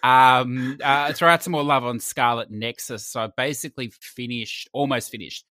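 A man's voice: mid-range voice, fairly even intonation, moderate pace, sharp tone, dry recording, studio quality. A man co-hosting a casual gaming podcast, easygoing and hedging with "you know" and "sort of". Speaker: podcast co-host.

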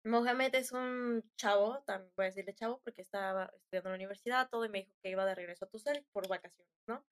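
A woman's voice: mid-range voice, fast talker. A young woman with a Mexican Spanish accent, chatting casually and rambling through a story with slangy fillers.

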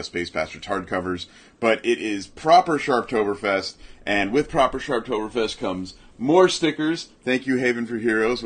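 A young adult man hosting a podcast in casual comedic chat, rambling and self-mocking. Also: on the low side. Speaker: podcast host.

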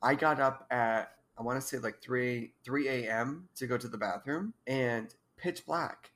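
A woman in her twenties who co-hosts a podcast speaks in an unhurried bass voice. She chats casually, giggling often and rambling, while stuffed up with allergies.

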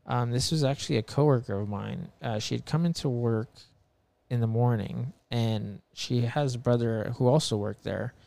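A man's voice: mid-range voice, normal speed, vocal fry, warm tone, dry recording. Guy rambling on a podcast, swears a ton, lots of likes, totally earnest, dry room. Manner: rambling, profane, lots of filler words; earnest and emphatic. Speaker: podcast guest telling a paranormal story. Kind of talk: casual chat.

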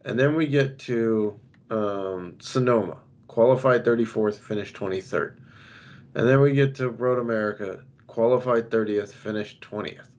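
A man co-hosting a podcast, chatting casually and quickly about fantasy racing picks, laughing easily. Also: fairly low pitch, darkish tone, lo-fi sound. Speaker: podcast co-host. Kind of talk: casual sports betting chat.

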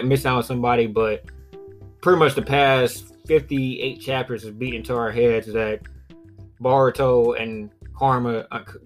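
A man with an Alabama Southern accent hosts a casual solo podcast. He rambles conversationally and swears freely at a middling pitch. Music plays behind his voice. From southern Alabama, United States. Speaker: podcast host.

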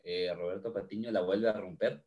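Joking podcast co-host. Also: male voice, sits low, steady tone, normal speed, highs cut off. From Guatemala. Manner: joking, crude, swears freely. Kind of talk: casual chat.

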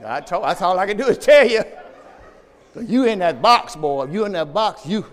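Male pastor, high voice, sermon in a church with long reverb; swings from loud calls to quiet asides. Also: moderate pace. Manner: animated preaching with sudden shouts and low asides, talking to the congregation.

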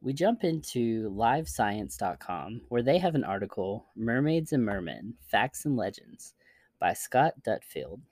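A man's voice: lowish voice, big pitch swings, a little slow, darkish tone, no echo, clean studio sound. A man hosting a podcast, reading articles aloud in scripted narration. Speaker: podcast host.

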